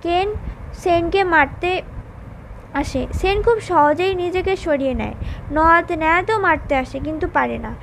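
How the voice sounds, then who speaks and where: A woman's voice: extremely high pitch, vocal fry, fairly bright tone, slight background noise, rough recording. A woman narrating a recap of a drama episode and reading out the characters' lines in her own voice. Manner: quick plain storytelling that reads out the characters' lines in her own voice. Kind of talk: retelling a drama episode with quoted dialogue.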